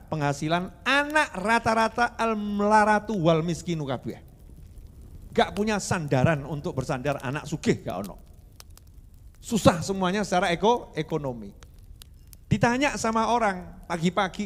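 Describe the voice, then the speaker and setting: High-voiced preacher in echoing hall. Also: male voice. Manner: animated, switching into Javanese and acting out prayers. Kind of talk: sermon. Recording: reverberant hall.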